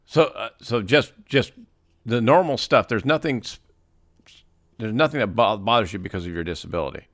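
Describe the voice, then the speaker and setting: A man's voice: on the low side, animated, moderate pace, fairly bright tone, no room sound, clean studio sound. A middle-aged man hosting an interview, easygoing and encouraging, giving short, friendly replies. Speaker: podcast host. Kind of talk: casual interview chat.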